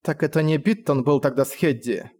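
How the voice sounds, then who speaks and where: A man's voice: on the high side, fairly quick, darkish tone, natural voice. A man voicing a pleading young village woman. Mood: quiet. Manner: pleading, slightly raised voice.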